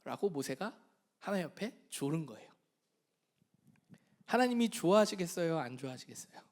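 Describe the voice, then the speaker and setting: A male pastor preaching a sermon in an animated, storytelling way, often turning to the congregation with questions. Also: fairly high pitch, fairly quick.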